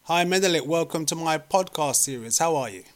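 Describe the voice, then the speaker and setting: A man's voice: a little high, lively intonation, brisk. A man hosting an interview podcast, asking questions in a friendly, straightforward way. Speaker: podcast host.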